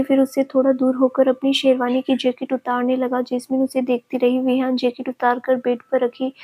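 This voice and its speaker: A woman storyteller reading a family story aloud in an even, steady way. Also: sits high, dull audio. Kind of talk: storybook narration.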